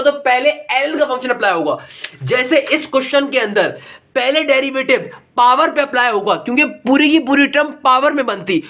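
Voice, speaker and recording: Male maths teacher, quick fatherly lecturing delivery that slows for the formulas. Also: very high-pitched, a bit bright. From Pakistan. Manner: fatherly and lecturing, addresses students as "my son"; slows right down when reading out formulas.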